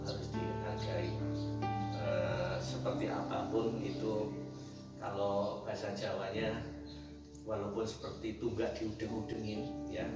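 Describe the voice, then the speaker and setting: A man giving a conversational sermon, joking with his congregation. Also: fairly low pitch. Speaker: preacher. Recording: echoey room, mic from a distance.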